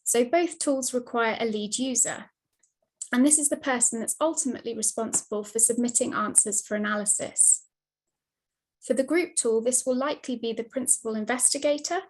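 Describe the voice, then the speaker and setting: Woman, video call audio, mic cutting out, fairly high voice, steady scripted talk. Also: rough recording. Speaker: presenter. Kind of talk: webinar slide presentation. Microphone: computer mic on a video call.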